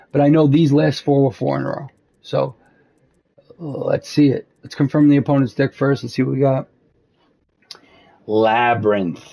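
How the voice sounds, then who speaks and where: Tired, hoarse man with a gravelly voice. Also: mid-range voice, dark tone, low-quality recording. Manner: rambling, full of fillers and restarts. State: losing his voice, tired. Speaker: card game channel host. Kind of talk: casual gameplay commentary.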